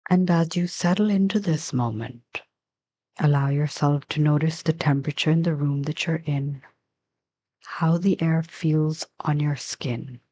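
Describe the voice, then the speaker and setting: Guiding a meditation, a low-pitched female teacher speaks gently and without hurry. Long pauses fall between her instructions.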